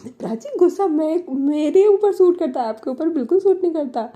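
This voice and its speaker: A woman's voice: very high voice, lively intonation, normal speed, mellow, muffled recording, pitched above the performer's own voice. A woman voicing a young female college student who coaxes and apologizes in a pleading way.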